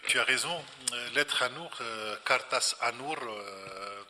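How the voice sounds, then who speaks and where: Speaking slowly with a sharp tone in a mid-range voice, a man invited as a scholar explains things reflectively and didactically during a public talk, echoing phrases for emphasis in a spontaneous answer. Slight background noise accompanies the reverberant hall sound.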